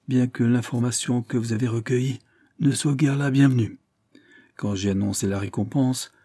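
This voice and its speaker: A man's voice: on the low side, dark tone, no echo, studio quality, natural voice. A man voicing a proud, stern aging aristocrat who speaks in a stately, impatient way in an audiobook reading. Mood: grave.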